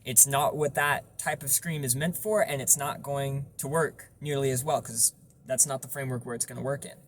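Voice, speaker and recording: A man's voice: medium pitch, steady tone, moderate pace, fairly bright tone, slight background noise. A man giving an informal, explanatory tutorial on vocal technique, stressing points through repetition.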